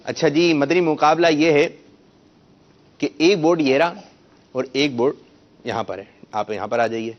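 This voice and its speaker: A man's voice: on the high side, pauses often. A man hosting a children's quiz show, coaxing the kids and correcting their pronunciation. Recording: muffled lo-fi broadcast sound.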